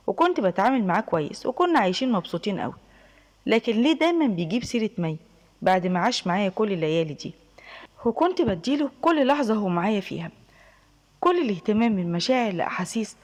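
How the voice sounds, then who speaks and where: Egyptian woman telling her own story, confiding, super lively pitch, quick. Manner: confiding, emphatic. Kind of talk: first-person storytelling narration.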